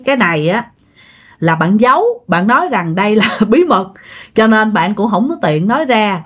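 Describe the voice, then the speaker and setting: A woman telling a ghost story casually, chatting directly to her listeners. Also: mid-range voice.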